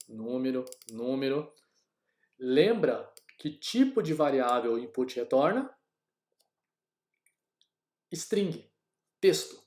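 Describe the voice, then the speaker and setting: A man's voice: mid-range voice, darkish tone. A man from Brazil teaching a coding lesson, talking casually through each step aloud to his class. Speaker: programming teacher. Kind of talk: screen-recorded coding lesson. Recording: echoey room.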